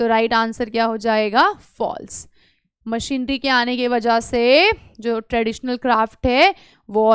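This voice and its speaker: A woman teaching an English exam lesson online, mixing Hindi and English and coaxing students with quick questions. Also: sits high, a bit bright, smooth, no echo, studio quality.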